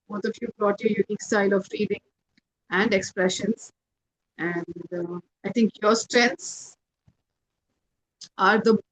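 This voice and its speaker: A woman giving measured, encouraging feedback as a contest judge, with emphatic delivery. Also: medium pitch, fairly bright tone, poor audio. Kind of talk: spoken feedback and award announcement.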